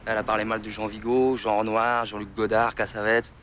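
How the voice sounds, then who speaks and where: A man's voice: on the low side, little pitch movement, fairly quick, fairly bright tone, slight background noise, natural voice. An actor playing a brusque young man who scolds a friend in a film scene. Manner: brusque, matter-of-fact. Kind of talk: film acting.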